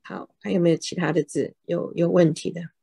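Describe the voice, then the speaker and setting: A woman tutoring English pronunciation one on one, patiently repeating words slowly and explaining them in Chinese. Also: fairly low pitch, level tone, creaky, warm tone, breathy edge, no echo, low-quality recording.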